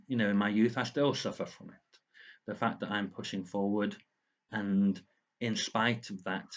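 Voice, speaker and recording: Speaking straight to the camera from inside his home, this author vlogger keeps a casual lockdown video diary, earnest and a little rambling, with a slight lisp. His pitch is fairly low, and the recording sounds muffled.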